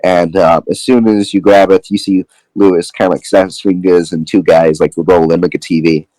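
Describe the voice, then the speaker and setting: A man's voice: deep voice, fairly even intonation, normal speed, warm tone, no room sound, poor audio. A man narrating as game master in a casual, rambling way with many fillers.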